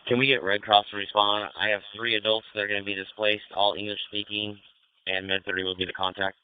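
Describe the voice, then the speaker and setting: A man's voice: on the low side, level tone, fast, smooth, phone-quality sound. An American man working as fire incident commander, giving courteous, procedural orders in clipped police-radio style over a two-way radio. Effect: radio transmission. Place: fireground.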